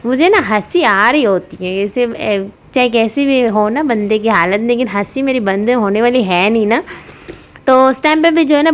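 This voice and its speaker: A woman's voice: a little high, a little hiss or hum. A young woman narrating her family vlog in a chatty voice-over, rambling with many fillers and giggling often. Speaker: family vlogger, mother.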